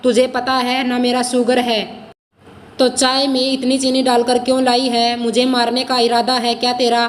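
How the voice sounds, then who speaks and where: A woman's voice: fairly high pitch, completely flat delivery, moderate pace, long reverb tail, slight background noise, natural voice. A woman voicing a fussy older mother. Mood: grumbling. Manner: soothing, then grumbling. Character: fussy older mother, doting yet complaining. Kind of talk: storybook role reading.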